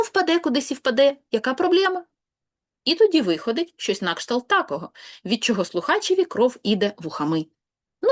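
A woman teaching an online language lesson, lively, ironic and emphatic. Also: on the high side. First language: Ukrainian.

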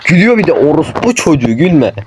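A man cursing nonstop as he plays a horror game, yelling in panic when chased. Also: fairly high pitch, very animated, quick pace. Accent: Turkish. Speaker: gamer. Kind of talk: horror game let's play commentary. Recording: noisy home mic recording.

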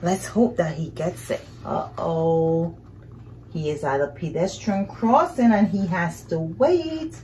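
The recording is rough, carrying a little hiss or hum under a lowish, dark-toned woman's voice that moves slowly. She's middle-aged, seated on a couch in a small living room, expressively improvising a picture-book read-aloud for young children with exclamations and questions.

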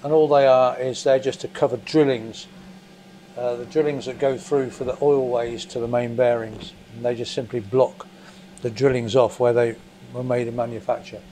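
Mellow and mid-range with fairly even intonation, this Englishman keeps a moderate pace as he presents a workshop demonstration on motorcycles. He takes an engine apart in his basement, explaining each step in a plain, methodical way and thinking aloud with small fillers. The bench-mounted camera mic shows only his hands and picks up a faint extractor fan hum.

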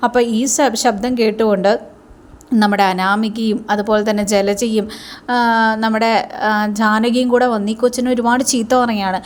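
A woman's voice: fairly high pitch, steady tone, moderate pace. A woman retelling a TV serial episode in a casual, chatty storytelling way, full of fillers. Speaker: serial episode recap narrator.

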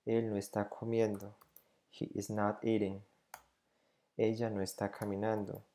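A man's voice: lowish voice, level tone, a little slow, warm tone. A man teaching an English grammar lesson to schoolchildren, explaining patiently step by step and repeating each example in two languages.

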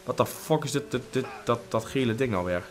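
A man's voice: medium pitch, fairly quick. A man doing casual let's play commentary, joking crudely and humming silly tunes while he plays.

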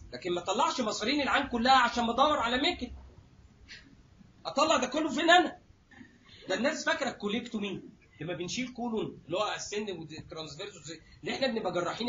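Egyptian male lecturer, quick and high, jokey, muffled recording. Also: bright, forceful tone, a little hiss or hum. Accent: Egyptian Arabic. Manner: jokey, acts out little scenes, addresses students directly. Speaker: surgery lecturer. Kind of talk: lively classroom lecture.

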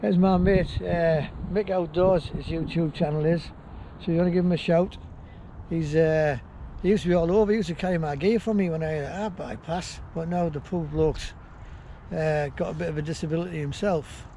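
A man's voice: a little high, fairly even intonation, normal speed, warm tone, slight background noise. A man vlogging a fishing trip from a riverbank, chatting casually and rambling with fillers. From northern England. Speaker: angling vlogger. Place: riverbank outdoors. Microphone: action camera.

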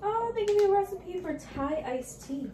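A woman casually tasting snacks with a friend, talking in a relaxed, hesitant way. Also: extremely high pitch, moderate pace, a little hiss or hum. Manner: relaxed, hesitant, plenty of likes. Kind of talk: casual unboxing taste test. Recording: echoey room, mic far off.

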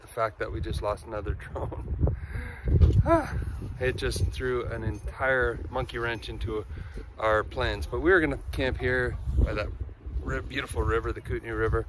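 A man's voice: mid-range voice, lively intonation, moderate pace. A man in his forties vlogging to a phone at arm's length outdoors in the woods, rambling with restarts and sounding frustrated. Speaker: family travel vlogger. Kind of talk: casual vlog talk to camera. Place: outdoors on a forest road and woods. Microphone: phone held at arm's length. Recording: noisy outdoor recording.

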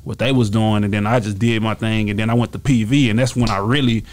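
Fairly low-pitched and quick, a rapper in his thirties with a Texas accent rambles through stories as an interview guest, dropping plenty of "you feel me" and other fillers. He stays relaxed and gestures while speaking, seated in a small podcast studio with headphones on and a mic on a stand.

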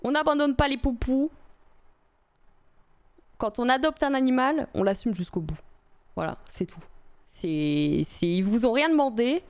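A woman's voice: on the high side, expressive, a little slow, long pauses. A woman streaming live, chatting casually with her viewers in a rambling way, full of fillers and restarts.

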